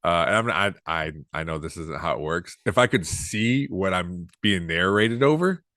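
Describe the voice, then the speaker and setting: A podcast host with a low voice asks his questions in a relaxed, hesitant manner. The recording is close and dry. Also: moderate pace, no echo. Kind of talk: casual podcast interview.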